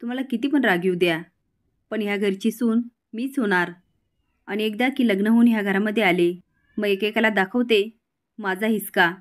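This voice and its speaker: A woman voicing a smug, spiteful young bride who speaks with quiet threat. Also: mid-range voice, moderate pace, close to an everyday voice.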